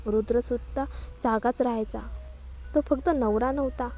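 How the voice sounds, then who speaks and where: A woman reads a romantic drama story aloud as scripted narration. Her voice sits a little high, and she carries every character's lines herself without much change of voice, now and then stumbling and restarting a word. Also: fairly even intonation, moderate pace, dark tone. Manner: small slips and restarts.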